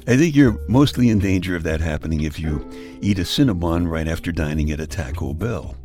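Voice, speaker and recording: Over background music, a radio humor host from Brooklyn, New York, tells a wry, deadpan scripted monologue at a normal pace. His voice is low, and he chuckles at his own jokes.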